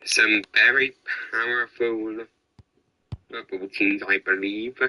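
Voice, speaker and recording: A tired man giving casual, low-key commentary while playing a football video game, trailing off into whispered asides. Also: fairly even intonation, slow, sharp tone, low-quality recording. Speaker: gamer.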